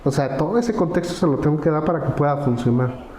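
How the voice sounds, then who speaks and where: A man presenting a conversational webinar, explaining step by step and running through lists of examples, often ending with a quick tag question. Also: on the high side, a little mellow, echoey room.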